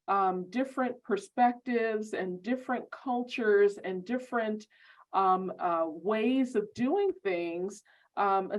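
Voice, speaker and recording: Slow-talking woman hosting an online orientation. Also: mid-range voice. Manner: halting, many ums and repeated words. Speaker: law school program administrator. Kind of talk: welcoming remarks at an online orientation. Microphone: video call. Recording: muffled video-call audio.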